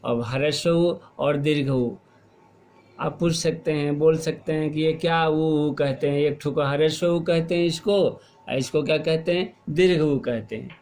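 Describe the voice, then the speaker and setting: Slow, patient male teacher. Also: fairly high pitch, steady tone, darkish tone. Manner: slow and explanatory, asks questions and repeats answers. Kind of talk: classroom lesson.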